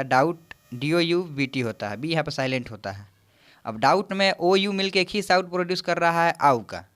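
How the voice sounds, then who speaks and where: Male exam-prep tutor with a smooth, raised voice, who explains step by step. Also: a little high, fairly bright tone. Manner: explains slowly, counting aloud, mixing English terms into Hindi. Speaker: teacher.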